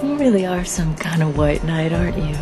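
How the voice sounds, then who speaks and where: A sardonic young schemer. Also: female voice, low-pitched, expressive, fairly quick, over music. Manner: sardonic, probing. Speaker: granddaughter. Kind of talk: soap opera acting.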